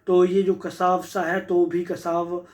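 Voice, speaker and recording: A man's voice: high-pitched, monotone, takes it slowly, poor audio. A man presents a patient's case like a teacher. His talk moves back and forth between Hindi and English phrases, full of repeats and fillers as he reasons through each remedy. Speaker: homeopathy doctor.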